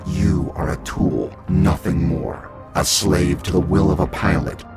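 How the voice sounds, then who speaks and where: A man voicing a cold, menacing immortal starship pilot, speaking slowly in a hushed, half-whispered tone. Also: rumbling low, vocal fry, exaggerated voice. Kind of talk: audiobook character reading. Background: loud music.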